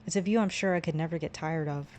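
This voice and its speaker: A woman's voice: low-pitched, quick pace, a little mellow, slight background noise. A woman streamer reading a visual novel aloud, narration and the player's lines, stumbling at times.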